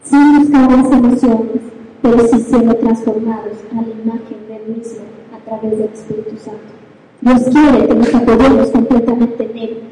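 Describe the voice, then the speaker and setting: A woman with a Mexican Spanish accent, a mother preaching and telling a personal story with lively, animated storytelling and sound effects. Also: on the high side, moderate pace. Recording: very echoey hall, faint noise.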